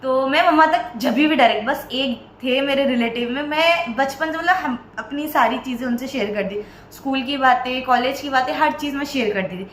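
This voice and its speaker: High-voiced young woman telling a story. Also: moderate pace. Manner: animated, acts out family members' lines. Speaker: vlog co-host. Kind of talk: casual personal storytelling. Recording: roomy echo, faint background noise.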